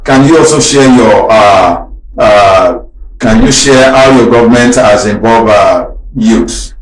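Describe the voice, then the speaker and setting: A man's voice: lowish voice, takes it slowly, reverberant, poor audio. A man with a Nigerian English accent hosting a radio talk show, politely reading messages and taking calls. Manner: polite, reads out listener messages, takes calls.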